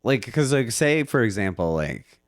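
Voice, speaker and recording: A man's voice: mid-range voice, very animated, normal speed, dry recording, studio quality. A man hosting a casual chat, rambling with many hesitant restarts and playful teasing. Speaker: podcast host.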